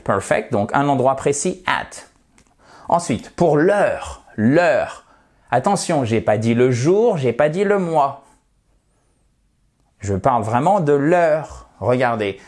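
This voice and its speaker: A man teaching English in an online video lesson, explaining patiently step by step and addressing viewers as dear friends. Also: medium pitch.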